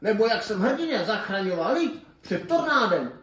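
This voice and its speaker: A man's voice: high voice, very animated, a bit bright. A man playing a boastful, cowardly, pompous prince in a puppet-theatre fairy tale, speaking colloquially. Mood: bragging, scornful. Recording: echoey, distant mic, faint noise.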